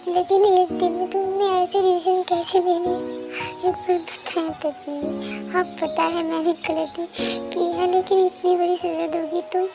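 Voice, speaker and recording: A woman's voice: extremely high pitch, level tone, a little slow. A woman voicing a tearful remorseful young man. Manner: pleading, broken, soft. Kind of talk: fan dub story voice acting. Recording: faint background music.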